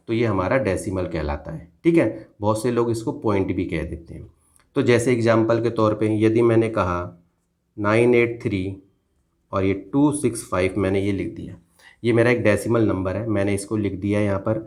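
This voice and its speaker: A man's voice: on the low side, normal speed, darkish tone. A man teaching a school math lesson, patiently addressing his pupils as children and checking they follow after each step. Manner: patient, addresses pupils as "beta" and checks "theek hai na" often. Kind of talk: classroom lesson explained at a board.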